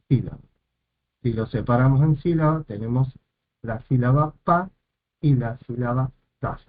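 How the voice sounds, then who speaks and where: Slow, methodical man on a tinny line. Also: mid-range voice. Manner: slow, methodical, repeats each term. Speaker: Hebrew teacher. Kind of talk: step-by-step lesson. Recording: tinny phone-like sound.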